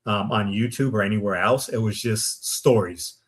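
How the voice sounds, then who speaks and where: A man's voice: on the low side, normal speed, breathy edge. A man from Arizona, a podcast guest who investigates the paranormal, telling stories casually with lots of fillers and tagged "right?" questions. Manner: rambling, many fillers and "right?" tags. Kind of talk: casual interview storytelling.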